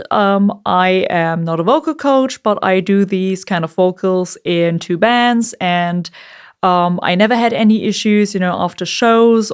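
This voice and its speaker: Clear-voiced woman giving a casual tutorial. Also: medium pitch. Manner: informal, chatty, occasional swearing. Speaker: vocalist giving a screaming tutorial. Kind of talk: casual instructional talk.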